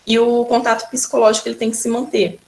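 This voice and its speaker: A woman's voice: on the high side, level tone, fast talker, gravelly, darkish tone. A woman teacher with a Brazilian accent giving a recorded school lesson, patiently explaining and often starting her sentences with "então". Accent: Brazilian Portuguese.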